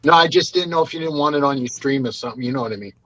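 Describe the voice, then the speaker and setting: A man's voice: mid-range voice, racing, fairly bright tone, no room sound. A man joining a live stream from a remote call, laid-back and easygoing, chatting casually. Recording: dry, muffled call audio.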